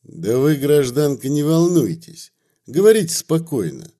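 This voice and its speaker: A man's voice: on the high side, sing-song, measured pace, warm tone, full character voice. A man reading aloud and voicing a courteous, questioning official from the city. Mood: polite. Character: polite bespectacled city official, earnest.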